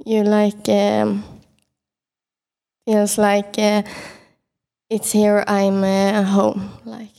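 A woman speaks slowly and hesitantly, filling her pauses with ums and uhs. Her voice is mellow and smooth, with a flat, even delivery. The recording has a long, reverberant ring to it. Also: medium pitch. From Sweden. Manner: hesitant, many fillers. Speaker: podcast guest. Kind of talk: casual discussion answers. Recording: reverberant room.

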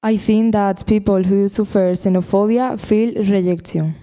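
Teenage girl, student guest, prepared lines, warm smooth tone. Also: medium pitch, fairly even intonation, moderate pace. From Spain. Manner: careful, prepared short answers.

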